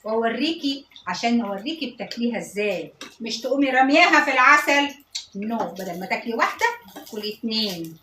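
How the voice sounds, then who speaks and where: A woman's voice: fairly high pitch, expressive, fast, sharp tone, slight background noise. A woman with an Egyptian Arabic accent, hosting a home cooking video and chatting with viewers as she works. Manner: chatty, talks to viewers while she cooks. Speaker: cooking channel host. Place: home kitchen. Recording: echoey kitchen with dish and pan clatter.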